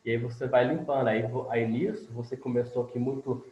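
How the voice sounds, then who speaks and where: Terapeuta homem, tom calmo e didático; som abafado de celular numa sala com eco. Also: male voice, mid-range voice, fairly quick. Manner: calm, repetitive, often ends phrases with "né?". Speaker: therapist leading a group session. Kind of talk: instructional talk, demonstrating a tapping technique. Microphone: phone. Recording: lo-fi, roomy, faint noise, recorded on phone.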